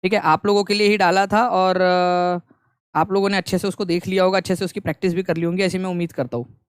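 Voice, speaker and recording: A man's voice: sits high, level tone, fast, smooth, no echo, studio quality. A young man teaching an online exam-prep lecture in a conversational way, repeating key points and mixing in English phrases.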